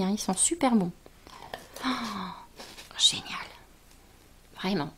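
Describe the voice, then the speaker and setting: A woman's voice: a little high, darkish tone, slight background noise. A woman chatting casually as she unboxes beauty gifts, gushing with exclamations. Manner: gushing, exclamatory, slow and drawn out. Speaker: beauty vlogger.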